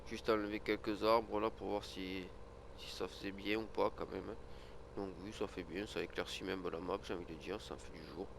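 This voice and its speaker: A gaming video creator with a cold, sniffling, chats casually over his farming game, rambling with many fillers and restarts. His deep voice holds a steady tone at a moderate pace with vocal fry, and the background is noisy.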